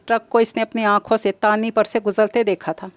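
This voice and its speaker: A woman's voice: mid-range voice, little pitch movement, smooth, no echo. A woman reading an emotional novel aloud in scripted audiobook narration, with dramatic, emotive delivery.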